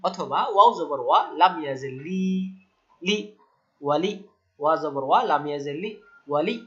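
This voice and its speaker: High-pitched man teaching Quran recitation. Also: sharp tone, muffled recording. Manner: repeats syllables slowly, praises often, stretches Arabic sounds. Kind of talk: call-and-response pronunciation lesson.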